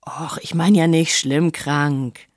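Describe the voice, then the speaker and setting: A woman's voice: low voice, steady tone, slow pace, dry recording, studio quality. A woman doing a gushing, simple tradesman. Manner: rambling, enthusiastic and naive. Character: simple, chatty working-class man, cat's-meat seller. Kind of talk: audiobook reading.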